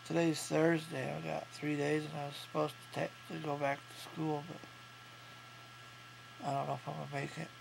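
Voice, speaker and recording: In a noisy home recording with obvious hum, a vlogger in his thirties speaks after jaw surgery. Stuffed up, nose blocked and thick-mouthed, he gives a halting, matter-of-fact video diary in a heavily fried voice with little pitch movement.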